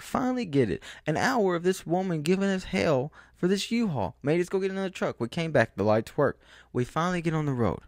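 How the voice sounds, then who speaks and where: A man hosting a podcast, telling a rambling, animated story in a casual, exasperated way. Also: medium pitch, dry recording, clean studio sound. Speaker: podcast host.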